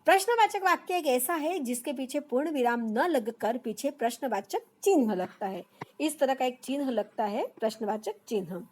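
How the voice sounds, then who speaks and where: A woman's voice: high-pitched, animated, normal speed, darkish tone. A young adult woman teaching an exam-prep grammar lesson, explaining step by step and repeating key terms, sometimes correcting herself mid-word.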